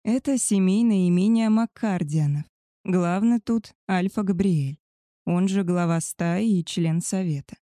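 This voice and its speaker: Formal werewolf guy read by a woman, lowish mellow voice, measured and steady. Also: dry recording, studio quality, natural voice. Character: composed male werewolf guide, formal.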